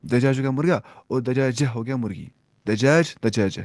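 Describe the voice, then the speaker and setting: A man teaching a beginners' Arabic class, asking his students questions and repeating each word slowly. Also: medium pitch, darkish tone, no room sound. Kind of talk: classroom lesson.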